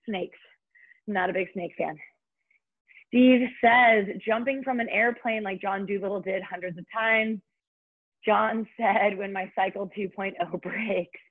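Upbeat woman aerobics instructor, muffled stream. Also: mid-range voice. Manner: upbeat, encouraging, short motivating cues. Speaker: fitness instructor leading a live online workout. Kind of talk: aerobics instructor cueing, counting down and coaching. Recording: muffled, band-limited online stream audio.

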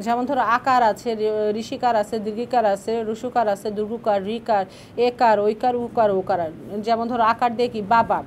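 Fast-talking woman teaching class. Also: a little high, a little hiss or hum. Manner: asks questions then answers them herself; patient, repeats key points. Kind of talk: online class lesson.

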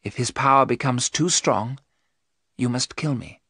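A man voicing a brave young woman, earnest, resolute and measured, in an audiobook story. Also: medium pitch, bright, forceful tone, slightly rough, dry recording, studio quality, voice pushed up. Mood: solemn.

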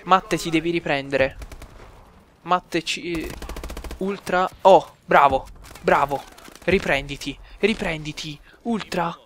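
A young man giving excitable live gameplay commentary, swearing and talking to his viewers. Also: fairly high pitch, slow pace, slight background noise. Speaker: gaming youtuber.

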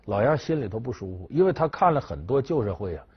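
A man recounting history as a lively storytelling commentator, husky in tone and now and then acting out the quotes. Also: mid-range voice, quick pace. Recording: dull lo-fi recording.

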